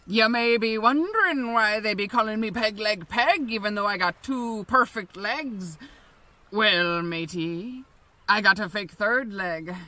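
A woman's voice: medium pitch, sharp tone. A woman voicing a bawdy, domineering female pirate captain in a stage-pirate brogue with growled arrs, mocking and commanding. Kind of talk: adult audio roleplay.

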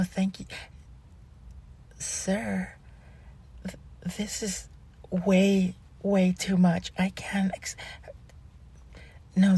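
Breathy ASMR role-play, flustered young student woman acting. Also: fairly low pitch, exaggerated voice. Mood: flustered, grateful. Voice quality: breathy, husky soft voice. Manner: hesitant, stammering, apologetic. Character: flustered, polite 21-year-old female college student delivering food.

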